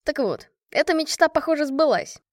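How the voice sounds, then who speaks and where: A fond, joking squad commander raising a toast, her voice a little high and light, as a female reader puts her on. the recording is dry and up close. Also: animated, moderate pace, no room sound. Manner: affectionate, joking toast-giver. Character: commander of a women's squad, warm and teasing. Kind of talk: audiobook character reading.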